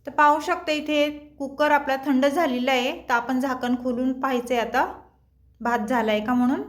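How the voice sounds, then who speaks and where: A woman's voice: high voice, fairly even intonation, moderate pace. A woman hosting a cooking channel, chatting with viewers as friends while she cooks. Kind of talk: home cooking demonstration.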